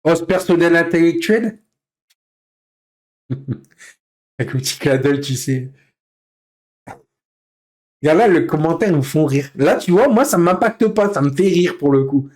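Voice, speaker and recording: Swearing, exasperated male streamer, slightly high voice. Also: expressive, measured pace, pauses often, darkish tone. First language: French. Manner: exasperated venting, heavy swearing; bursts into nervous, high-pitched laughter. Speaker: live streamer. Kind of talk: casual live-stream chat, reacting to comments.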